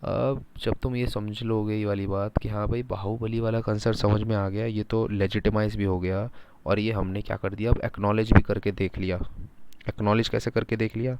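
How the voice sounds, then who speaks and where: A man giving a casual, animated lecture, mixing Hindi and English, asking his students rhetorical questions. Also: lowish voice, moderate pace, noisy background. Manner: animated, talks in first person as a country, rhetorical questions. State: sore throat. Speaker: teacher.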